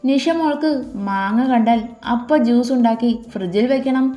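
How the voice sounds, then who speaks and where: Woman doing a loud, kindly old housemaid. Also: a little high, normal speed, natural voice. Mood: teasing. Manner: loud, affectionate. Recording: echoey room, faint music.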